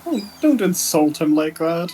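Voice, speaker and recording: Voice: mid-range voice, sing-song, measured pace, dark tone, a little hiss or hum. A person chatting casually as a companion during a game stream. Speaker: co-player chatting along. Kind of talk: casual chat.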